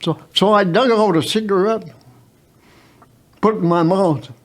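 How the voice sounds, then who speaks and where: A very old man of about a hundred telling his own story unscripted as a veteran guest, haltingly, with repeated words and stammered starts. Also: sits high. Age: very old, around 100.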